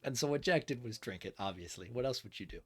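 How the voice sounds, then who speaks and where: A man co-hosting a podcast, telling a story in a relaxed, chatty way and steering the conversation. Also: mid-range voice, quick pace, breathy edge. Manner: relaxed storytelling, leads the talk. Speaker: podcast co-host. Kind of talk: casual chat. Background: faint lo-fi music.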